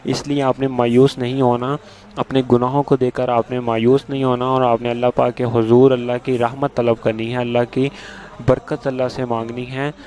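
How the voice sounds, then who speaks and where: A man patiently giving step-by-step religious instructions to viewers, repeating each step and reciting prayers slowly. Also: mid-range voice, little pitch movement, a little mellow. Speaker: religious video host.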